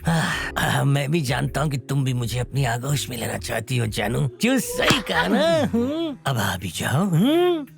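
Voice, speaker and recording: An actor playing a lecherous, bumbling comic man in a dubbed film, with leering, drawn-out teasing. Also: extremely high pitch, wildly swooping pitch, vocal fry, heavily acted. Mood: flirty. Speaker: comic side character. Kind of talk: Hindi film dub. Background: film score.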